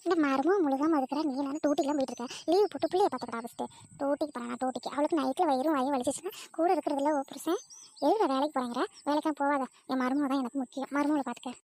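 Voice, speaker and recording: A woman's voice: high-pitched, rapid-fire, darkish tone. A woman playing a bossy, scheming middle-aged mother-in-law who fusses with false sweetness. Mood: fussing. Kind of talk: family comedy skit acting.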